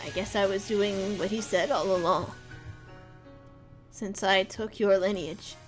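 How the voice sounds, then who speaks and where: A woman reading game dialogue aloud, voicing a grave, remorseful male pigeon in a quiet, confessional way. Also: medium pitch, fairly even intonation, measured pace, faint music behind, voice pushed down, natural voice. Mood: somber.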